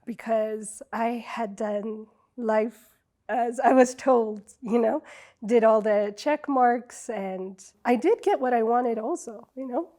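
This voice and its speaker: A middle-aged Ethiopian woman who works as a wellness coach appears as a guest on a TV studio interview. She speaks slowly in a warm, mellow, slightly high voice, reflecting on her story with many ums and pauses.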